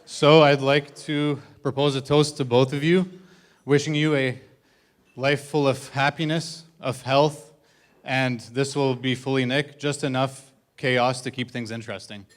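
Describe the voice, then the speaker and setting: A man's voice: mid-range voice, steady tone, unhurried. A man giving a best man's toast at a wedding reception, joking and self-deprecating as he teases the groom.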